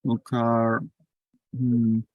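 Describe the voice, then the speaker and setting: A man's voice: medium pitch, completely flat delivery, very slow, no room sound, narrow, tinny audio. A man whose first language is Spanish, answering in an English class, hesitant and searching for words. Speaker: student.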